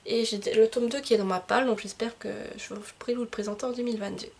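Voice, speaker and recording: Brief: young woman vlogger, husky and a bit high, chatty with lots of restarts. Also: fairly even intonation, fast talker. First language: French. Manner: chatty, hesitant with many fillers and restarts. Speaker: book vlogger. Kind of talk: casual monthly reading wrap-up.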